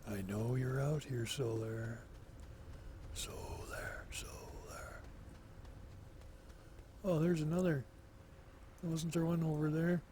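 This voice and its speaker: A man giving relaxed solo commentary as he plays, slow and musing, thinking aloud to himself. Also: on the high side, a little hiss or hum. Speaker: gameplay commentator.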